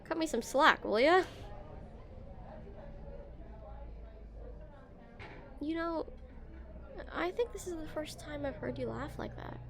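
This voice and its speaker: Voicing a flustered game developer with a crush on their date, a woman performs a full character voice that is high, creaky and a touch bright. Her delivery is animated and moderately paced yet nervous and stammering, in an intimate romantic roleplay addressed to the listener, teasing and playful.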